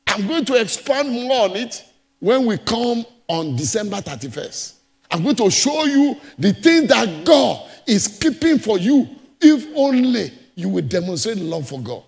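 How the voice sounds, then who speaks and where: Male pastor, high animated voice, gravelly edge, emphatic repeats, church hall reverb. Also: measured pace. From Nigeria. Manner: emphatic preaching with repetitions and swings between loud and soft. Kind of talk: sermon.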